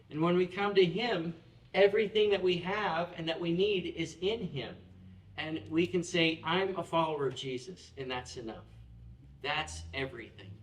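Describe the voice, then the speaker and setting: A man's voice: fairly high pitch, reverberant, far from the mic. A man preaching a conversational sermon as pastor, acting out quoted prayers and laughing at himself now and then. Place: church chapel.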